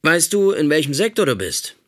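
A man's voice: a little high, big pitch swings, normal speed, a bit bright, voice pushed up. A man voicing a male mission-control operator calling urgently over a radio link.

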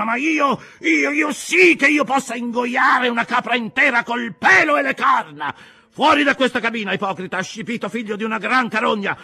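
A man voicing an irascible old sea captain who blusters and shouts curses in an audiobook reading. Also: fairly high pitch, gravelly, breathy edge, pitched above the performer's own voice, full character voice. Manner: shouting, explosive, cursing. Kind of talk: audiobook character voice.

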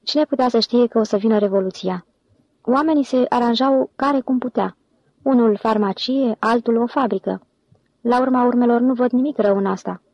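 A man's voice: very high-pitched, darkish tone, dry recording. Woman narrator doing a gossipy male clerk, eager, dry dull recording. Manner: eager, confiding.

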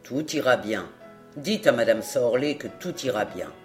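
A reader voicing a calm, kindly man who reassures a visitor, in an audiobook. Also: medium pitch, a little slow, faint music behind, voice pushed down. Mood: reassuring.

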